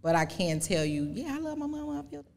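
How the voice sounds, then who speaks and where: A woman in her forties answering audience questions as a podcast guest, speaking earnestly with halting restarts. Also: sits high, big pitch swings, vocal fry, darkish tone. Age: 40s. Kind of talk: live podcast Q&A, personal testimony.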